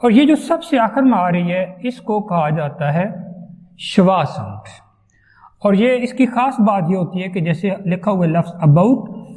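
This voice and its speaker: A man teaching phonetics in a classroom lecture, patiently explaining and slowly sounding out each vowel and consonant. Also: sits high, animated, a little mellow, big-room sound, low-quality recording.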